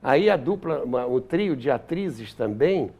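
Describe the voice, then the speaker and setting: Appearing as an interview guest, this older historian and author with a Brazilian accent looks back on the past, occasionally hunting for the right word. He speaks at medium pitch, animated yet unhurried, with a slightly mellow tone.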